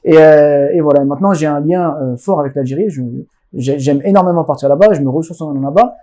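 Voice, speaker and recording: A man from France telling stories as a podcast guest in a casual, animated way, often restarting phrases and acting out dialogue. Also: fairly high pitch, fairly quick. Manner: animated, many restarts, acts out quoted dialogue. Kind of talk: casual conversational storytelling.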